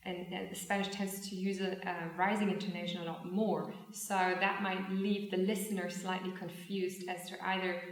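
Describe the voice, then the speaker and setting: A woman's voice: lowish voice, flat delivery, normal speed, hardly any pauses. A woman English teacher talking through an exam discussion, hesitant and full of fillers and restarts. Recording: echoey room, mic far off.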